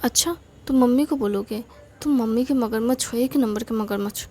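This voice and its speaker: Pouty, quarrelsome little girl from a storybook reading, fairly high and soft-toned , read by a woman. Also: normal speed, husky. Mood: complaining. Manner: pouty, complaining. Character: cheeky young girl, quarrelsome little sister.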